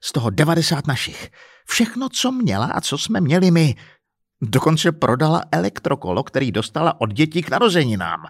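A man doing a furious, shouting middle-aged husband. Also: mid-range voice, big pitch swings, breathy edge, dry recording, clean studio sound. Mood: furious ranting. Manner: shouting, indignant, crude.

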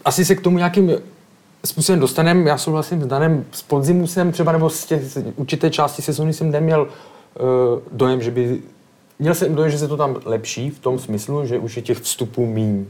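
A man's voice: on the high side, a little mellow. A man speaking as a pundit in a casual football discussion, explaining at length and checking in with the others as he goes.

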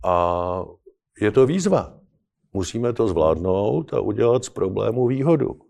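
Low, mellow-voiced earnest man. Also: animated, gravelly. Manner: earnest, persuasive, measured. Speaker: guest commentator. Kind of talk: political discussion.

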